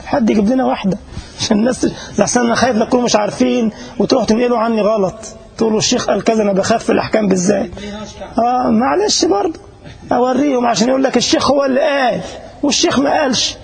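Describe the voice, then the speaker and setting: Egyptian guy teaching a religious lesson, high voice, talks fast, keeps asking "got it?". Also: creaky, darkish tone, low-quality recording. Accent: Egyptian Arabic. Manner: chatty and joking, addresses listeners directly, asks checking questions. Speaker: sheikh teaching a religious class. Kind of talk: informal religious lesson to a live audience. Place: class in front of an audience in Germany.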